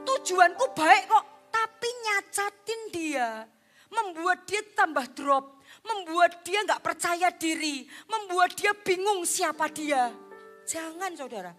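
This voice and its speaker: High-voiced woman pastor preaching. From Indonesia. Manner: animated preaching, acts out parent and child voices; drops to a soft near-whisper at times. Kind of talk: sermon. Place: church. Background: background music.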